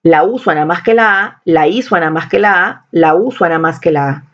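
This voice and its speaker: A woman's voice: lowish voice, moderate pace, highs cut off. A woman teaching a recorded spelling lesson, stressing points by repeating key words.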